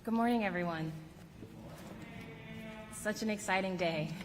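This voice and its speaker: Woman's podium speech in an echoey hall. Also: medium pitch. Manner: measured delivery in short phrases. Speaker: outgoing army company commander. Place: large echoing ceremony space, addressing an audience. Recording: echoey hall, noisy, long reverb.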